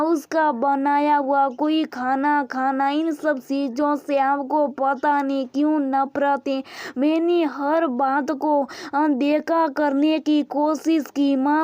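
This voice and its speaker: A woman voicing a young married son who pleads earnestly and slowly with his mother, for a storybook. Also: sits high, darkish tone, no room sound, lo-fi sound.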